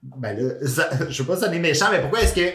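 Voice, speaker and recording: A Québécois man talks casually on a podcast, his voice sitting a little high for a man. He muses out loud, curious and loose, with plenty of fillers. The room around him rings with echo. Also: lively intonation, a little fast. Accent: Québécois French. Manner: curious, thinking aloud with many fillers. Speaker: podcast co-host. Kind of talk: casual chat.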